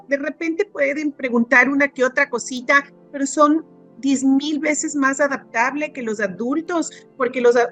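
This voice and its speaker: A woman in her forties hosts an interview in a lively, chatty way. Her voice sits high and sounds bright. Soft music runs faintly underneath. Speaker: immigration consultant host. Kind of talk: casual interview chat.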